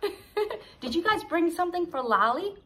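High, bubbly woman leading a kids' sing-along. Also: animated, moderate pace, pushed and bright. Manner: bubbly, sing-song, laughs often. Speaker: children's music show host. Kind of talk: children's sing-along show.

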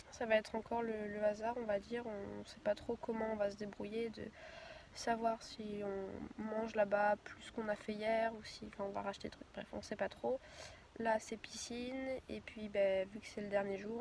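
A woman's voice: fairly high pitch, gravelly, mellow, slight background noise. A young woman chatting casually to her phone camera from inside a festival tent, a little hesitant and full of fillers. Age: young adult. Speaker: vlogger. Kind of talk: casual vlog chat to camera. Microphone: phone camera held at arm's length.

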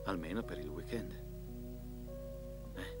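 A man's voice: low voice, wildly swooping pitch, slow pace, loud music behind the voice, heavily acted. An actor playing a loving but reluctant husband in his thirties in a dubbed film drama. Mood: tender, persuasive.

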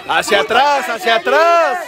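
A man with a Mexican accent giving excited live wrestling commentary, often shouting and drawing out his cries. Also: extremely high pitch, measured pace. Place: outdoor wrestling ring in a park. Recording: noisy outdoor crowd recording. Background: loud crowd and outdoor noise.

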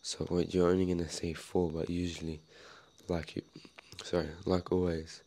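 A young man vlogging casually from his home garage gym at night, talking quietly so he doesn't wake the neighbors. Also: sits low, flat delivery, moderate pace. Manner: quiet hushed talk so as not to wake the neighbors.

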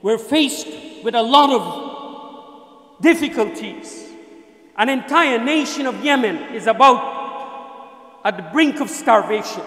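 Middle-aged guy giving a friday sermon, high-ish voice, lots of hall echo. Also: a bit bright. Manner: emphatic, gestures with raised hand, chants Arabic verses. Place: mosque prayer room, indoors. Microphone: desk mic on stand. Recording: echoey hall with long reverb.

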